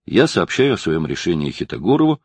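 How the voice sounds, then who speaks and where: Deep guy reading a memoir out loud, lots of rise and fall, kinda husky. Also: big pitch swings, a little fast, no room sound. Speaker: audiobook narrator. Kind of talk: first-person memoir reading.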